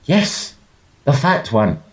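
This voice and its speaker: In a Victorian audio drama, a young adult man plays a hearty, gossipy student oarsman, speaking emphatically in clipped British English with a confiding, disdainful mood. His mid-range voice is very animated, yet he takes it slowly.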